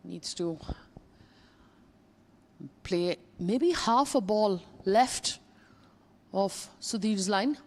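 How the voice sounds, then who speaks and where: A golf commentator with a mid-pitched voice and a slow, unhurried delivery. The commentary is live tournament coverage, following players and their putts. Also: expressive, a little mellow.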